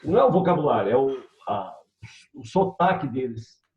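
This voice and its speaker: A man's voice: medium pitch, big pitch swings, normal speed, muffled recording. A man, a student who hesitates and searches for words.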